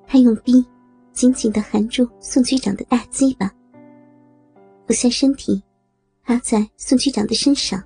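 A woman narrates an audio story in a slow, steady reading voice. Her tone is dark and very husky, with a gravelly creak and faint music underneath. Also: on the high side.

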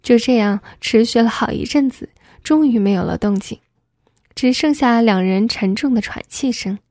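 A woman reading an adult story aloud in soft, steady narration. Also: on the high side, moderate pace, dry recording, clean studio sound.

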